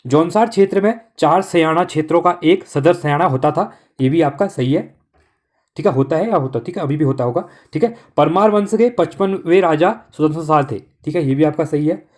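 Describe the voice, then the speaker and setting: Brisk, fast-talking male exam tutor. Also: a little high, a little mellow. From Uttarakhand. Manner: brisk, repeats "okay" constantly, coaching tone. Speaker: exam-prep teacher. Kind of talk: online exam-prep lesson.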